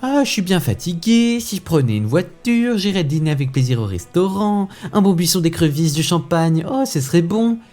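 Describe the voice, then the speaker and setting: A man putting on a weary, dreamy lady talking to herself in a high, sighing voice. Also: big pitch swings, moderate pace, few pauses, a little mellow, faint music behind. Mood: wistful.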